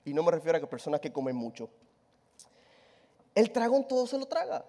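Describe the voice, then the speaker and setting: A man preaching a lively, humorous sermon, telling stories and asking the congregation rhetorical questions. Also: fairly high pitch, brisk.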